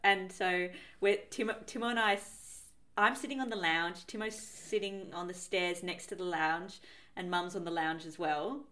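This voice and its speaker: A woman's voice: on the low side, fairly even intonation, moderate pace, bright, forceful tone. A young woman chats casually, telling a story with frequent laughter. She acts out the lines of the people in it and keeps up a loose, rambling flow. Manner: chatty, laughs often, acts out quotes. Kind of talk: casual chat.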